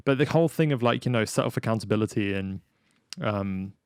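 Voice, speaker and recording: A man hosts a podcast in an easygoing, rambling manner, filling his sentences with "like" and "you know". His voice sits on the low side. The recording is dry and close to the mic. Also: brisk, darkish tone, clean tone, no room sound. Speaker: podcast host. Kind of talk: casual conversation.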